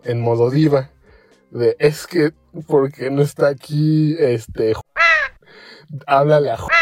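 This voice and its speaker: A young man with a Mexican Spanish accent, telling a story in a casual podcast chat, acting out the quotes in it with lots of slang. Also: mid-range voice. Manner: animated, acts out quotes, heavy slang.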